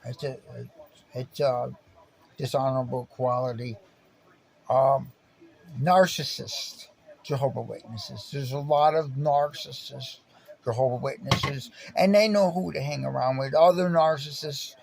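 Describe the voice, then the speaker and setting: Slow, gravelly-voiced indignant man. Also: medium pitch, fairly even intonation, a little mellow, poor audio. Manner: repetitive, halting, indignant. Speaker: vlogger recounting personal experience. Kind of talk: aggrieved personal storytelling.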